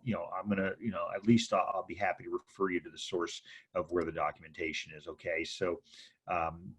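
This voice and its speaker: A husky-voiced man gives an informal training lecture on real estate contracts. His voice sits a bit low, and he talks chattily, often tagging "okay?" onto his points. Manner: chatty, frequent "okay?" and "right?" check-ins.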